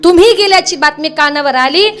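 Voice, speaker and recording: Woman telling as a village wife, hushed, urgent, anxious, high voice, faint instrument behind. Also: a little fast, faint music behind, natural voice. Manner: urgent hushed whisper-like speech.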